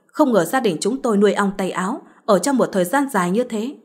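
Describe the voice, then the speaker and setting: A woman voicing a wealthy middle-aged mother who speaks coldly and reproachfully, in a husky voice. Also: medium pitch, brisk, a little mellow, lightly acted. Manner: cold, reproachful.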